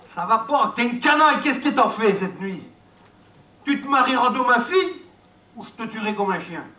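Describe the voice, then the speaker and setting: A man voicing an older, hot-tempered village mayor who shouts in fury. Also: extremely high pitch, very animated, moderate pace, full character voice. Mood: furious. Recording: echoey, from far off, faint noise.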